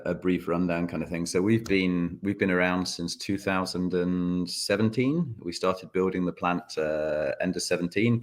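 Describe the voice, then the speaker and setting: Very deep-voiced relaxed male distiller. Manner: relaxed, many ums, chatty. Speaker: guest distiller. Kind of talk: casual video-call chat.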